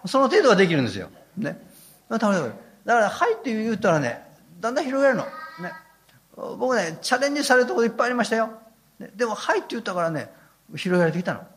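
A man's voice: high voice, fairly bright tone, slight background noise. An older man, preaching a sermon as a pastor with folksy, humorous storytelling.

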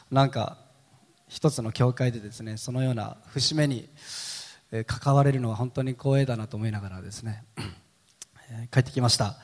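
A male pastor speaking to his congregation in a high, very animated voice that swoops up and down. He talks in a chatty, storytelling way and laughs easily. The long reverb of a large hall trails after each phrase. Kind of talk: sermon.

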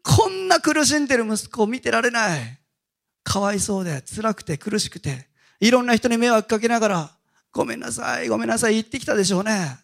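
A male pastor giving a Sunday sermon, telling stories in a casual, animated way. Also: high voice, brisk, gravelly. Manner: animated storytelling with casual asides.

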